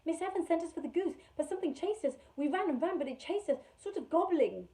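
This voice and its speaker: A woman's voice: sits high, big pitch swings, moderate pace, mellow, pitched above the performer's own voice. A woman reading aloud and voicing a frightened girl of nearly twelve who pleads urgently.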